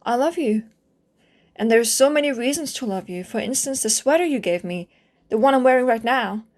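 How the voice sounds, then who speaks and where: Girl doing a clingy yandere stray catgirl asmr roleplay, high kittenish voice, meek n pleading, super lovesick. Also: animated, normal speed. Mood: clingy, devoted. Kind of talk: scripted ASMR role-play addressed to the listener.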